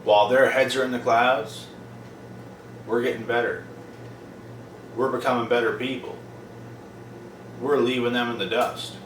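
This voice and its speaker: A man's voice: medium pitch, little pitch movement, a little slow, pauses often, a bit bright, recorded from a distance. Blunt, profane young man, off-mic. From Prince Edward Island, Canada. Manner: blunt, profane, emphatic repetition. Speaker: vlogger. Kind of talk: casual monologue to camera. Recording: roomy, off-mic, noisy background.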